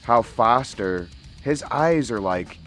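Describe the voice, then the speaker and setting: A man's voice: mid-range voice, lively intonation, takes it slowly. A man rambling casually and profanely while playing a shooter game, laughing often, at a home gaming setup with faint game music behind him. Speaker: gaming commentator.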